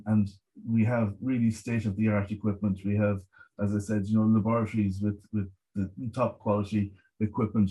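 Mellow, even-toned west of Ireland man. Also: lowish voice, low-quality recording. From Galway, west of Ireland. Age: middle-aged. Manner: measured, hesitant repetition of words, frequent 'you know'. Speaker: marine scientist guest. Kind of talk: conversational interview explanation.

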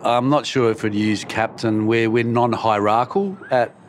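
A man's voice: mid-range voice, fairly even intonation, moderate pace. An Australian man giving an interview as an organisation's representative, articulate with dry humour. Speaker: charity representative being interviewed. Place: outside area of a conference venue. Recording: faint outdoor background noise at event.

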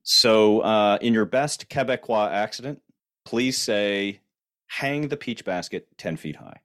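Man, low voice, podcast host, playful, stumbles and restarts often. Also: slow pace, fairly bright tone. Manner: playful, with frequent restarts and fillers. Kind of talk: conversational interview.

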